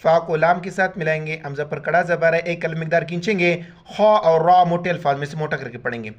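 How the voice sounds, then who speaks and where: A man teaching Quran recitation, chanting words letter by letter in slow drawn-out syllables and explaining each rule in quick plain speech. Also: on the high side, dull audio. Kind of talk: spelled-out recitation lesson.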